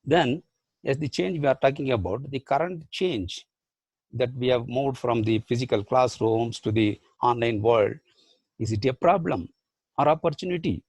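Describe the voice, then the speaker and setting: A man with an Indian English accent, whose first language is Badugu, gives a motivational online lecture as a professor. His voice is gravelly and a little husky, recorded close and dry. He builds his points through rhetorical questions and repeated phrases. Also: medium pitch, normal speed, darkish tone, no room sound. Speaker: professor and life skills trainer.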